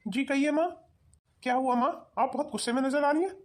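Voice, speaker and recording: A woman's voice: high voice, fairly quick, natural voice. Woman voicing a harsh young cartoon husband. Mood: stern. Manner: harsh, commanding. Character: stern young husband, mother's loyal son. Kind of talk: cartoon voice acting.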